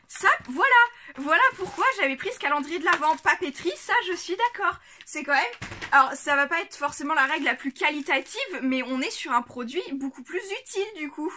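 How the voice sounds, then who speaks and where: A woman vlogger chatting casually to a camera on a tripod, giggling often and filling pauses with lots of hesitations. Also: high voice, animated, sharp tone, a little hiss or hum. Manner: chatty, giggly, many fillers. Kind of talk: casual unboxing chat.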